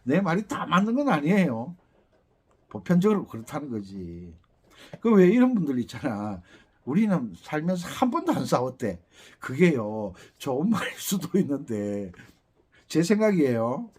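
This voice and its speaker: A man's voice: mid-range voice, darkish tone, slightly rough. A middle-aged man with a Gyeongsang Korean accent, teaching an accordion lesson in a chatty, rambling way with teasing asides. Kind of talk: casual lesson talk.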